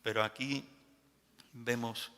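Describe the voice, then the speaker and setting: A pastor from Spain preaching a sermon in an animated, emphatic way, full of rhetorical questions. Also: male voice, mid-range voice, takes it slowly. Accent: Spain Spanish. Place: church. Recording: long church reverb.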